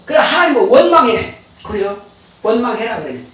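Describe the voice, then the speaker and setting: High-voiced pastor preaching in an echoey hall. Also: male voice, sing-song, brisk, a bit bright, recorded from a distance. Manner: folksy, chatty preaching with rhetorical questions. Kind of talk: sermon. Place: church sanctuary.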